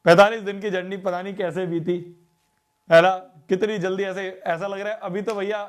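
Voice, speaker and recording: A man's voice: sits high, flat delivery, a little fast. A man teaching a live online class, chatty and repeating his phrases as he checks in with students. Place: home studio.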